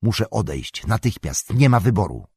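Gentle resolute hobbit, low husky voice, calm and earnest, done by a male narrator. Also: moderate pace, no room sound, clean studio sound, full character voice. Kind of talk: audiobook character voice.

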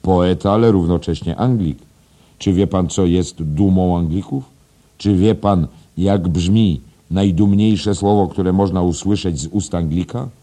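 A man's voice: low voice, a little slow, dark tone, pitched above the performer's own voice. A man doing a pompous old schoolmaster. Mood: proud. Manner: preachy, self-satisfied, emphatic.

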